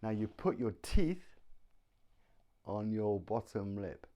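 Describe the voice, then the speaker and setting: A middle-aged man with a British accent teaching pronunciation, slowly repeating words and sounds. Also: fairly low pitch, sing-song, mellow. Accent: British English. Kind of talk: slow pronunciation lesson.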